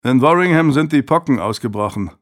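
A man's voice: mid-range voice, animated, fairly quick, pitched above the performer's own voice, lightly acted. A man voicing a serious young man reporting bad news in an audiobook reading. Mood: grave. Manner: grave, matter-of-fact. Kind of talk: audiobook character voice.

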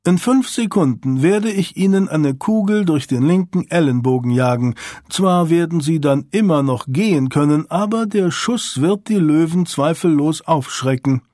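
A man voicing a suave, coldly courteous male agent in an audiobook, speaking softly with quiet menace. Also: on the high side, lively intonation, dry recording, clean studio sound, pitched above the performer's own voice, lightly acted. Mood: silky menace. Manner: soft, courteous, unhurried.

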